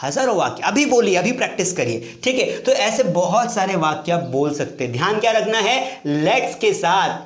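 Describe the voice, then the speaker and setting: High-voiced man teaching in an echoey room. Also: sing-song, moderate pace, hardly any pauses, a bit bright. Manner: asks questions and answers them himself, repeats key points; addresses students as dear children. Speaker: English teacher. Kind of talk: classroom lesson.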